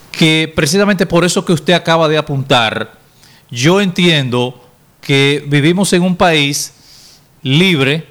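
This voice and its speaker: A man co-hosting a talk radio debate, building arguments rhetorically with measured emphasis. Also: a little high, fairly bright tone. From Dominican Republic.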